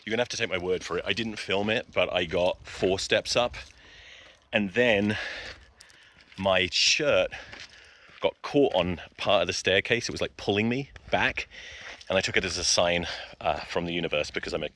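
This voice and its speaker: A man's voice: sits low, normal speed, fairly bright tone. A man vlogging outdoors on a cliffside staircase into his phone, rambling and swearing in nervous self-talk, growling and worked up. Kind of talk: casual self-filmed vlog. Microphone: phone camera, sometimes in his pocket.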